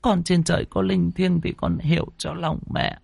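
A man voicing a grieving older landlady mother in a storybook ghost tale, speaking in a hushed, tearful, pleading way. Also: on the high side, big pitch swings, unhurried, gravelly, breathy edge, dry recording, voice pushed up, heavily acted.

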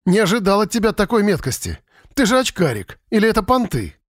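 A man's voice: high voice, huge pitch swings, a little fast, dry recording, studio quality, voice pushed up, heavily acted. Man doing a dazed schoolboy hero. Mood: teasing.

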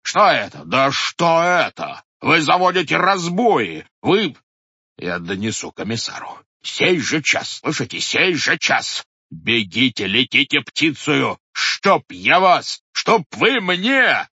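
A man's voice: medium pitch, expressive, measured pace, bright, forceful tone, no echo, muffled recording, pitched above the performer's own voice. A man playing a blustering old village head. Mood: blustering rage. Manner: blustering, commanding.

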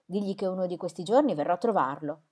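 Confident young male athlete, voiced lightly by a woman audiobook reader, even and knowing. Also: on the low side, fast talker, natural voice. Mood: teasing.

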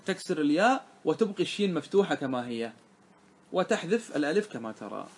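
A man's voice: on the high side, expressive, fast. A man, a religious scholar, teaching a grammar lesson to a class, often quizzing his students and repeating the key points.

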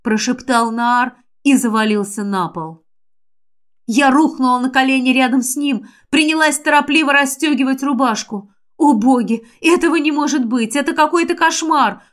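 A woman narrating a first-person fantasy audiobook in an emotional, expressive way. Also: high-pitched, moderate pace. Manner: emotional, expressive reading that rises sharply in distress.

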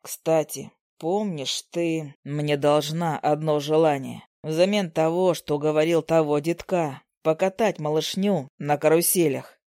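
A teasing, affectionate demon husband from an audiobook romance, acted by a woman. He talks low and unhurried with a smug edge. The recording is dry with a mellow tone. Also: steady tone, dry recording.

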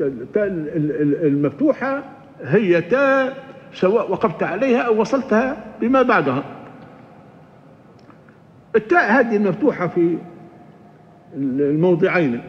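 An older man giving a scholarly lecture on Quranic exegesis, explaining in a measured way with halting restarts and recited verses. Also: a little high, big-room sound, lo-fi sound. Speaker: Quran tafsir teacher.

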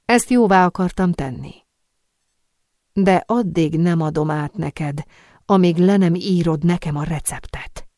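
Nobleman villain, cool and measured, voiced by a female reader; keep the tone low and dry. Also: no room sound, lightly acted. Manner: calm, measured, self-satisfied. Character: calm scheming Italian nobleman, middle-aged man.

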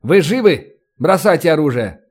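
A man voicing a hard-edged male squad leader who barks his orders forcefully. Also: a little high, sing-song, moderate pace, slightly rough. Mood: commanding. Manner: barking, forceful.

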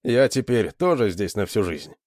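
An earnest young man speaks with impulsive sincerity, his low voice lively in pitch. A man acts him out in a storybook reading. The sound is dry and close. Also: normal speed, no room sound.

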